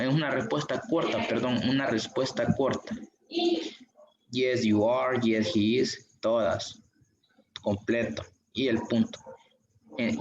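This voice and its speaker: Male online teacher; slow, patient, repeats examples; roomy, muffled call sound. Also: medium pitch, noisy background. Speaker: English teacher. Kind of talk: online class explanation. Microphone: video call. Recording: dull, echoey room audio.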